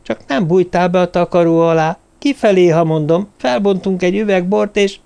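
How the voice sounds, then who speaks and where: A man's voice: high voice, creaky, a little mellow, clean tone, voice pushed up. A man voicing a young woman on a camping trip, calling out and exclaiming in an audiobook. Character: young woman camping, teasing then irritated.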